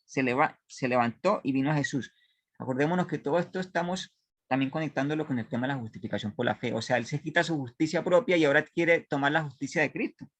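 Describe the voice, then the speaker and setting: Man, Bible study teacher with a fairly high voice, dry close sound, reads scripture and quizzes the class with halting restarts. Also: a bit bright, no echo.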